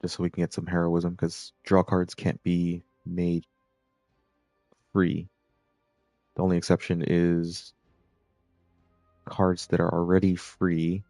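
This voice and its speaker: A man giving relaxed, rambling commentary while playing a video game, with plenty of filler words. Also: low voice, dry recording. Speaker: gameplay commentator. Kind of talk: casual gameplay commentary.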